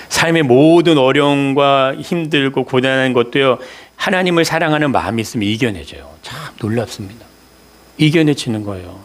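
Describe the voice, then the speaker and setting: A male pastor delivers a Sunday sermon at a middle pitch for a man. He keeps putting questions to the congregation and answers them himself, often repeating key words for emphasis.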